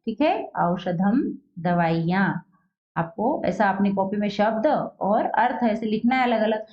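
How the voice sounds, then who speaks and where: A woman teaching a children's class, asking questions and answering them herself, saying each word slowly and repeating it. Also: medium pitch, lo-fi sound.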